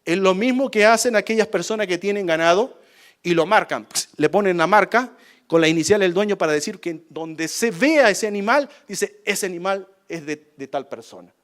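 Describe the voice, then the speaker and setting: A man's voice: high-pitched, moderate pace, a bit bright. A male pastor preaching a sermon emphatically, repeating points and addressing listeners as brother.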